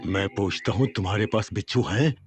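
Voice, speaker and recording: A man's voice: fairly low pitch, fairly quick, music in the background, natural voice. An actor playing a short-tempered old grandfather who barks impatient questions. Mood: gruff. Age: older.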